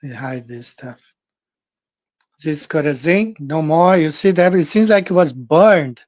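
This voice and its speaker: A man hosting his own channel, talking through scripture in an earnest, halting way, with frequent restarts and fillers. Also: a little high, a little mellow, dry recording. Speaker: channel host. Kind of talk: casual monologue on scripture.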